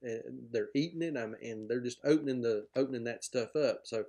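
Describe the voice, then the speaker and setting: A middle-aged man talks about his farm with eager, plain-spoken energy, laying out how things work step by step. His voice sits at an ordinary middle pitch for a man. He is heard through a video-call setup from a room at home. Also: brisk, dark tone. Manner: enthusiastic, explanatory, plain-spoken. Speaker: pig farmer guest. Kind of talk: podcast interview over video call. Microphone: video call, webcam framing.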